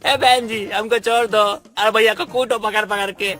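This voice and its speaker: Brief: man as a high, bright, whiny cartoon henchman, soft music under. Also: steady tone, normal speed. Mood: whining. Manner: whiny and rustic. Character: dim-witted male goon sidekick, complaining. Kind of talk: cartoon voice acting.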